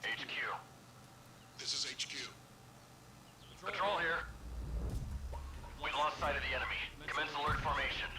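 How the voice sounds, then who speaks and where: An actor playing an adult enemy soldier who barks clipped military calls over a crackly field radio in a video game. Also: male voice, fairly high pitch, normal speed, pauses often. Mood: clipped, urgent. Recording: echoey, under loud game music.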